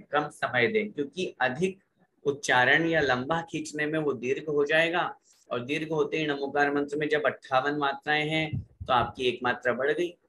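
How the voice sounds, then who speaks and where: A man teaching careful pronunciation of sacred verses, slowly chanting each phrase for students to repeat and then explaining the rules more briskly. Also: fairly high pitch, sharp tone, slight background noise, low-quality recording. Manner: slow drawn-out recitation alternating with brisk explanation. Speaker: religious recitation teacher.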